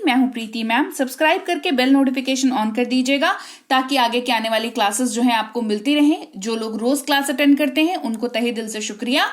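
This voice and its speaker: An Indian woman teaching English online, explaining step by step in a chatty way and often checking in with the viewer. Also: high voice.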